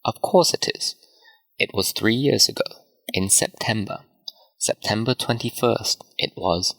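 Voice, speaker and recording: A man's voice: lowish voice, unhurried, creaky, a bit bright, full character voice, rough recording. A man voicing an upset, tearful teenage girl, in a plain read-aloud manner. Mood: sad, telling. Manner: pleading, upset.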